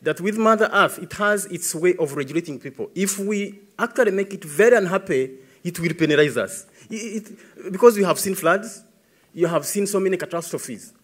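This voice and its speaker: Speaking into a podium microphone on a large, dark conference stage, an environmentalist witness in his thirties answers tribunal questions with earnest, mounting emphasis. He has a Ugandan English accent and a high, expressive, slightly rough voice at normal speed.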